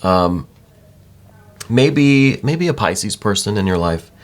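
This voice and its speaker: A man's voice: fairly low pitch, lively intonation, slow pace. A man giving a conversational, reassuring tarot reading in the manner of a psychic hotline, speaking directly to the listener. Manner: reassuring, addresses listener directly, frequent check-in tags. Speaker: tarot card reader.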